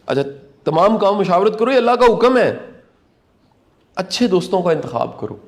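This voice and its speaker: A man's voice: high voice, big pitch swings. Earnest emphatic man. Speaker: commentator. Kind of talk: talk show commentary.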